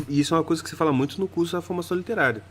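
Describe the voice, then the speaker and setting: A man's voice: a little high, rapid-fire, husky. A man hosting a podcast, chatting casually and acting out little scenes as he tells stories. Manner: animated, acts out little scenes when telling stories. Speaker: podcast host. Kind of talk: casual chat.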